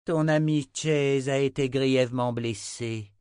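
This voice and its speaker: A man's voice: medium pitch, steady tone, slow pace, a little mellow, clean tone, no echo, clean studio sound, pitched above the performer's own voice, natural voice. A man voicing a scornful, defiant female seer with a ghostly grace in an audiobook. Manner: cold, defiant.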